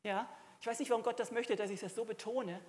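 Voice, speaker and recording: A woman's voice: on the high side, fairly even intonation, fast talker, darkish tone, long reverb tail. A middle-aged woman preaching a sermon to a congregation, emphatic and at times rising to fervent exclamations. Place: church hall.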